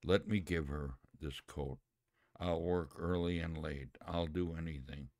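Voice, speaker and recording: A man voicing a hardened male prisoner, a gruff father who snaps and then pleads, in a dry, close recording. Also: rumbling low, steady tone, measured pace, a little mellow, dry recording. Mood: pleading.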